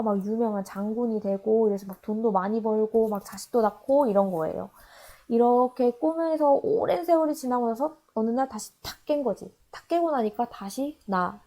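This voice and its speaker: A woman teaching a high school literature class in a recorded online lecture, explaining an old poem by acting out its lines in casual paraphrase. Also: a little mellow.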